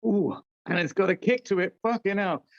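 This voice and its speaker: A man's voice: sits high, moderate pace, lo-fi sound. A British man hosting a casual chat while tasting hot sauce, boisterous, crude and joking. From Britain. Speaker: show host.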